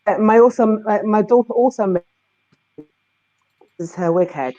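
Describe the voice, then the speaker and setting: A woman's voice: medium pitch, unhurried, dark tone, lo-fi sound. A woman chatting casually as a co-host, explaining things in a hesitant way. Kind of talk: casual chat.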